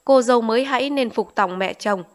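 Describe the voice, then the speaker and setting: A woman reading aloud voices a calm young female friend giving gentle, reproving advice. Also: fairly high pitch, fairly quick, natural voice. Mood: advising.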